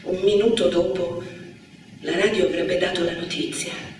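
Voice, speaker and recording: A woman reading a passage from a book aloud in a measured, dramatic way at a book presentation in a large hall. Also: fairly low pitch, fairly even intonation, a little mellow, slight background noise. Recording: echoey hall, distant mic.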